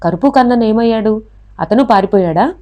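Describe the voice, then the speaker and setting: Injured hasty young man, read by a woman narrator, warm mellow voice, plain delivery. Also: a little high, a little fast, close to an everyday voice. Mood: recounting.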